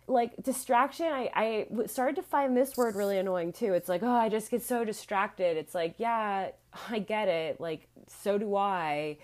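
A woman hosting a solo wellness podcast, talking casually with frequent laughs, fillers and the odd swear word. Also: on the low side. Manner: laughs often, swears casually, talks with many likes. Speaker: podcast host and wellness coach.

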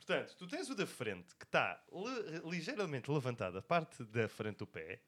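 A young man with a European Portuguese accent chats on a podcast in an animated, storytelling way, his voice swinging widely up and down. He sits a little high in pitch and often drags out or trails off his words. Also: moderate pace. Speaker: podcast co-host. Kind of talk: casual chat.

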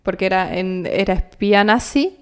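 A woman's voice: mid-range voice, normal speed, clear, resonant tone. A young adult woman from the Canary Islands, an actress being interviewed, talking expressively and thoughtfully with frequent restarts. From Canary Islands, Spain. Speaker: actress, guest. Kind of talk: casual interview chat.

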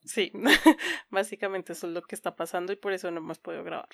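A woman's voice: lowish voice, lively intonation, normal speed, creaky, a bit bright, no echo. A woman co-hosting a podcast in casual chat, giggly and informal, often poking fun at herself. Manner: giggly, frequently laughing. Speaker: podcast co-host.

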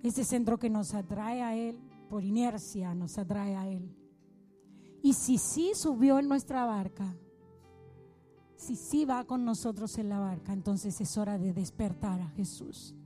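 A woman's voice: mid-range voice, moderate pace, few pauses, mellow, soft background music. A woman preacher giving a sermon in a conversational way, asking rhetorical questions and building to fervent appeals.

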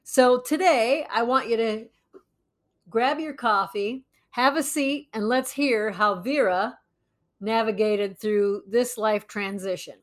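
A woman's voice: fairly high pitch, takes it slowly. A woman hosting a podcast, giving a scripted welcome and introducing her guest. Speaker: podcast host. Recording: music playing behind.

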